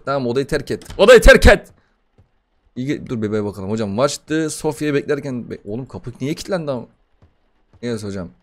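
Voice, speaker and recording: A young man doing casual gaming commentary, excitable and profane, bantering with the game as he plays a horror title. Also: medium pitch, fast. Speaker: gaming YouTuber.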